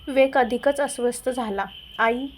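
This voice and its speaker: A woman narrating a family drama story as a storyteller, in a steady dramatic way. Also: on the high side, moderate pace, a little hiss or hum.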